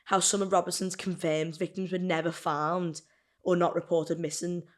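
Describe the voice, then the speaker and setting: Between hiccups and burps, a woman recounts a true-crime case for the podcast she co-hosts, reading from notes in a chatty, casual style and occasionally fumbling a word. She has a lowish voice with little change in pitch and keeps a moderate speed.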